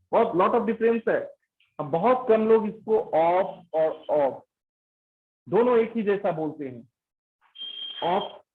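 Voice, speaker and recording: A man with an Indian English accent giving an English pronunciation lesson, switching between Hindi and English and repeating example words slowly. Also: a little high. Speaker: English teacher. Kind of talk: classroom lecture mixing Hindi and English. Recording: tinny phone-like sound.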